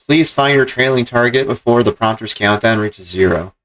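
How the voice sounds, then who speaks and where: Man streaming a game, medium-pitched voice. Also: moderate pace, a bit bright, poor audio. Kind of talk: casual gameplay commentary and reading game text aloud.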